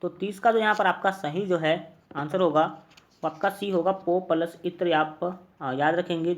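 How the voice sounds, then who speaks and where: A man with a Bihari Hindi accent teaching an exam-prep lesson, going through multiple-choice questions one by one, repeating each answer and filling pauses with hesitations. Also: fairly high pitch. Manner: repetitive, drills answers, many fillers.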